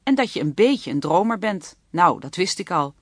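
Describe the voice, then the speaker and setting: A woman reading an audiobook, voicing a caring young mother who talks to her daughter in a gentle, practical way. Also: on the low side, sing-song, moderate pace, dry recording, studio quality. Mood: reassuring.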